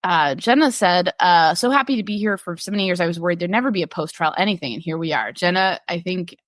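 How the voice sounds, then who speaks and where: Chatty woman podcast co-host, low voice. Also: expressive, fast talker, no echo. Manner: chatty, many restarts and fillers, laughs easily. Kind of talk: casual chat reading patron questions.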